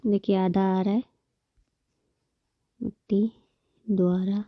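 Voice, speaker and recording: A woman's voice: mid-range voice, flat delivery, slow pace, mellow, no room sound. A woman teaching a Hindi grammar lesson, patiently explaining terms, repeating them and counting examples aloud.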